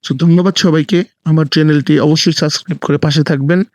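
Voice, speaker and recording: A man's voice: on the high side, fairly even intonation, fast talker, a little mellow, no echo. A man teaching an English grammar lesson, who often asks his listeners rhetorical questions and mixes English terms into his explanation.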